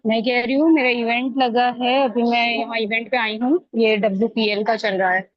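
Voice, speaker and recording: Fairly high-voiced woman from Lucknow on a call. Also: flat delivery, normal speed, no echo, dull audio. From Lucknow, India. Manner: polite, mixes English into speech. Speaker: sales trainee. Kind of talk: casual call chat.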